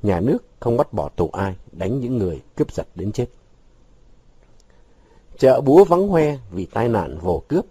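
Husky, expressive male storyteller. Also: medium pitch, normal speed, long pauses, no room sound. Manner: expressive, shifting with the scene. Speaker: audiobook narrator. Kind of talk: storybook narration.

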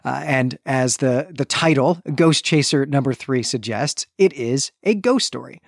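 On a book podcast, a male co-host talks at a measured pace in a medium-pitched voice with vocal fry. He goes over the plot and discusses the fiction conversationally, full of qualifications, in clean studio sound with no room noise.

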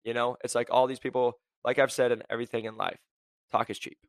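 A young podcast host barrels through motivational career talk, blunt, high-energy and quick, peppering it with "like" and "right?". His ordinary-pitched voice is close-miked and dry with no room sound, and his delivery stays flat.

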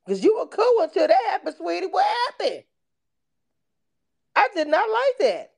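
A woman's voice: very high-pitched, huge pitch swings, moderate pace, gravelly. A woman in her forties hosting a casual live audio chat, blunt and profane. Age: 40s. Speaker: host.

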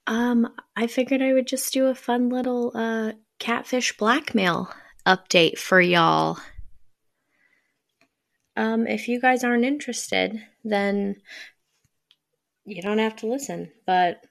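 A woman's voice: on the high side, slow, vocal fry, pauses often, fairly bright tone. A young adult woman hosting a casual solo podcast, rambling with lots of ums and sounding a bit frazzled. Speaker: podcast host.

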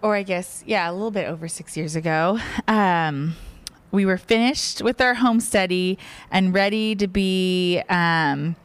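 Smooth-voiced, giggly woman co-host. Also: on the low side, unhurried, dry recording. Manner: giggly, informal. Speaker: podcast co-host. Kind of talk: casual conversational storytelling.

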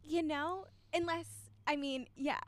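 Young woman, podcast co-host, casual chat, filler-heavy, slightly high voice. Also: steady tone, a little slow. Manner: chatty, reassuring, many "like" fillers, laughs often.

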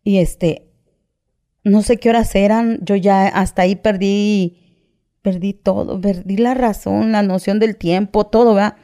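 Woman, mellow dark voice, halting retelling, frequent tag questions. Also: mid-range voice, steady tone. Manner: tags phrases with "¿verdad?" and "¿va?"; restarts and halting phrasing. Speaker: interview guest. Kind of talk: personal testimony, casual retelling.

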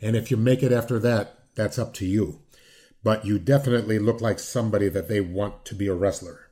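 His voice is on the low side and warm, and he talks a little fast. He's a former wrestler in his sixties hosting a podcast, chatting casually in an interview and rambling with many fillers and restarts.

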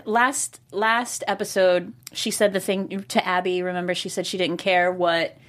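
A woman's voice: on the low side, level tone, unhurried, fairly bright tone. A woman hosting a casual review chat, talking in a rambling way with many restarts. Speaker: host.

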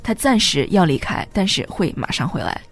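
A woman's voice: fairly low pitch, sing-song, normal speed, vocal fry, breathy edge. A woman co-hosting a casual language show, patiently explaining English abbreviations and mixing English words into her talk. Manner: explanatory, mixes English terms into speech. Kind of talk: casual bilingual chat.

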